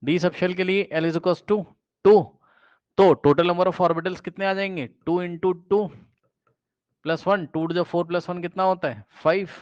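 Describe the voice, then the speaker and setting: A man's voice: high-pitched, fairly even intonation, slow, darkish tone, no echo, highs cut off. Man drilling a chemistry lesson. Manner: repeats questions to students, drills step by step. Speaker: chemistry teacher. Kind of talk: exam-prep lecture.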